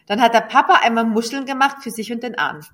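A woman telling a family story in casual chat, talking in a quick, animated way. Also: fairly high pitch.

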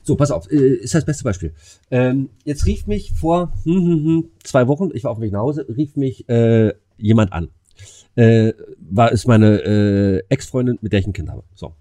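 A man's voice: medium pitch, lively intonation, moderate pace, warm tone. A man in casual conversation, talking bluntly with slang and lots of filler words and restarts. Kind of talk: casual chat.

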